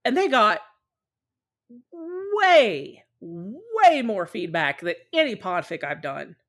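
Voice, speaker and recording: Her mid-range voice has a breathy edge, and she is very animated while taking things slowly. A woman and podfic creator, she speaks as a podcast guest in a long, casual, candid conversation, talkative and often acting out quick quotes.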